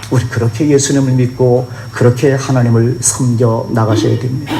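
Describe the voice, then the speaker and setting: Earnest pastor preaching in echoey church. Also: male voice, mid-range voice, a little mellow, a little hiss or hum. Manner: earnest, exhorting, acts out complaining believers in raised voice. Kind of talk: sermon.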